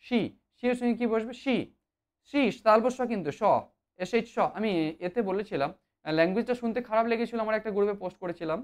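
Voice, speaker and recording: Grammar teacher for a kids' lesson; lively, sing-song delivery, fillers, repeats points. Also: mid-range voice, clear, resonant tone. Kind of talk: explanatory online lesson.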